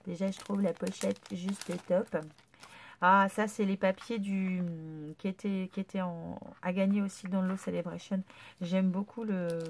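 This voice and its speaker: Woman vlogger with a cold-stuffed nose and a creaky, gravelly tone, chatty and full of praise. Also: medium pitch, darkish tone, slight background noise. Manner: gushing, chatty, lots of fillers. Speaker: scrapbooking vlogger. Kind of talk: casual unboxing chat.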